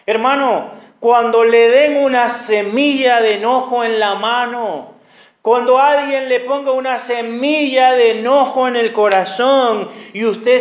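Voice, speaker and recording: A male pastor preaching an earnest sermon, often calling his listeners brother and sister. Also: extremely high pitch. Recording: echoey, dull church recording.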